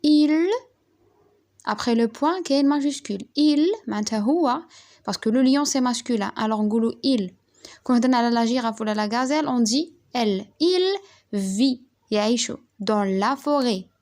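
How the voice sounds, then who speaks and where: Woman, young, teacher, slow careful dictation, spells letters out, slightly high voice. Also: a little mellow. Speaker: French teacher. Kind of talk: primary school lesson.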